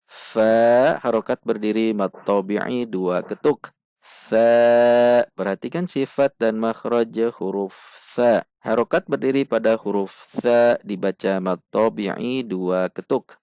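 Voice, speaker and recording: A man with a low, slightly mellow voice, recorded with no room sound, gives a slow tajwid lesson on Quran recitation. He works patiently step by step, drilling syllables, counting beats aloud and chanting verses in drawn-out melody.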